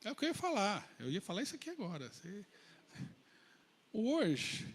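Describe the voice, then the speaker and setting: A male pastor with a Brazilian accent, preaching a sermon in a colloquial, animated storytelling way. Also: sits high, normal speed, slightly rough, long reverb tail. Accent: Brazilian Portuguese.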